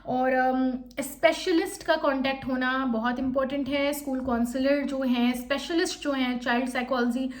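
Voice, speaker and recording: A young woman teacher who speaks fast, coaching interview candidates and modelling sample answers in an explanatory lesson. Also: high-pitched, steady tone. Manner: fast-talking, admits speaking quickly.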